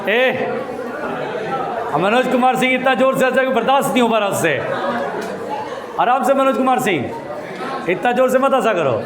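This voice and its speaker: A man teaching a physics problem to a class, explaining step by step, calling his students "beta" and hushing them when they get noisy. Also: extremely high pitch, expressive, normal speed, long pauses, crowd noise. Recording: echoey classroom with murmuring students.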